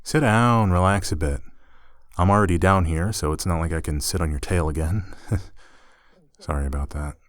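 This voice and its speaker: In an intimate ASMR roleplay, a man plays a young male roommate with a deep voice recorded very dry. He is relaxed, friendly, and gently teasing, a bit awkward, speaking at a moderate pace with casual phrasing and hesitant trailing asides. The acting is light.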